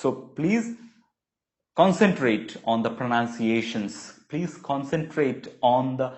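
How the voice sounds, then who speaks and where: A man with a Bengali accent giving a spoken English lesson, drilling English phrases slowly and explaining them quickly. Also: medium pitch, expressive, a little mellow. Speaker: English tutor. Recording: dull lo-fi sound.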